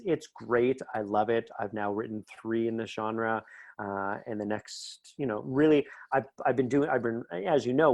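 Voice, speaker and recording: With a fairly low pitch and darkish tone, a middle-aged Canadian man from Northern Ontario talks as a writer guesting on a podcast. He's casual and enthusiastic in the interview, often veering into tangents. The recording is dry.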